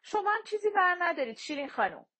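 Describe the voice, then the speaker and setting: A woman voicing a plump, bustling housekeeper in an audiobook, brisk and affectionate while scolding the help. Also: extremely high pitch, big pitch swings, pitched above the performer's own voice, exaggerated voice. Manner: loud, brisk, warm scolding.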